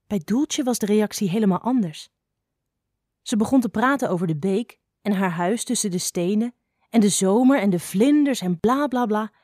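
A woman reads a children's fable aloud in a calm, steady storybook voice. The sound is close and dry, with no room around it. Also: mid-range voice, dry recording. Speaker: narrator. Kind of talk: scripted storybook narration.

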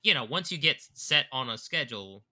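Podcast cohost guy, super bright voice, stumbles through his story. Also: medium pitch, expressive, a little fast. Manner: laughing, stumbling storyteller with many restarts. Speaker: podcast co-host. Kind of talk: casual podcast chat.

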